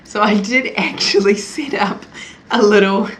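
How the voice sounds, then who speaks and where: The young woman's voice is medium-pitched and a little slow, with a faint hiss or hum in the recording. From New Zealand with a Kiwi accent, she talks casually to camera as a vlogger, chatty, quick to laugh, and self-deprecating.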